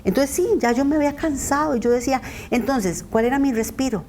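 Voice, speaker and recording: A woman's voice: high-pitched, fairly quick, a little mellow, slight background noise. A middle-aged woman giving an earnest personal testimony as a podcast interview guest. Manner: earnest, recounting, often acting out quoted voices.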